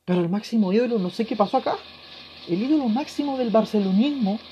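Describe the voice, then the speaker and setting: A tearful man with a Chilean accent hosting a solo podcast, ranting passionately and swearing, his voice swinging from loud to hushed. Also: high-pitched, expressive, quick pace, slight background noise. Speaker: podcast host. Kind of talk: emotional solo podcast rant. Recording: dull lo-fi recording.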